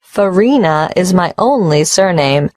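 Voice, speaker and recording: Woman doing a polite applicant lady, slow careful answers, dry close sound. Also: lowish voice, animated, a little mellow, no echo. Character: polite female applicant in her late 30s, unmarried. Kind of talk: scripted exam dialogue.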